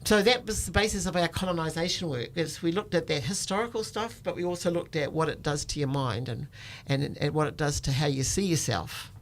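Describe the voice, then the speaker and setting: Speaking briskly in a deep voice with hardly any pauses, an older New Zealand woman tells personal anecdotes as a guest storyteller and activist. She keeps things informal and thoughtful, dropping "you know" again and again.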